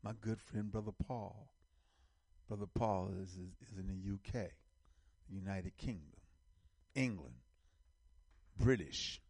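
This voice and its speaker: A man's voice: sits low, a little slow, pauses often, darkish tone, breathy edge, no room sound, clean studio sound. A middle-aged man from the United States hosting an online show, giving casual commentary while reading an article, emphatic and repeating phrases as he builds lists.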